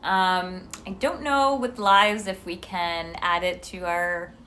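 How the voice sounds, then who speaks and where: A woman with a Colombian Paisa accent co-hosts a livestream, chatting casually with viewers in an effusive, giggly way. Her voice is lowish with fairly even intonation, a slow pace, and a pushed, bright quality. The livestream audio is noisy.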